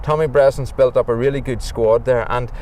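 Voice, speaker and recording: An older man with a Northern Irish accent giving measured, hesitant opinions in an unscripted sports interview. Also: mid-range voice, fairly even intonation, a little mellow. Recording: distant, noisy outdoor traffic.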